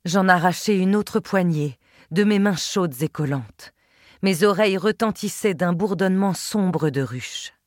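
A woman reading a literary novel aloud in a measured, expressive first-person telling, close to the mic. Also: on the low side, no room sound. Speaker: audiobook narrator. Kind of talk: literary audiobook narration.

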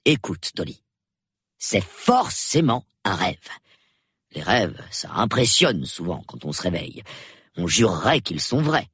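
A man voicing a drowsy, gruff older colonel who mumbles dismissively in a storybook reading. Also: low-pitched, big pitch swings, unhurried, fairly bright tone, no room sound, clean studio sound, pitched below the performer's own voice, full character voice. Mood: grumbling.

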